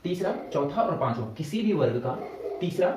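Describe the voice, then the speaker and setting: A man's voice: fairly high pitch, sing-song, moderate pace, noisy background. Man teaching a lesson in an echoey room. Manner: explains step by step, repeating "ठीक है" and asking questions back. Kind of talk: exam-prep grammar lesson. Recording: echoey room, mic at a distance.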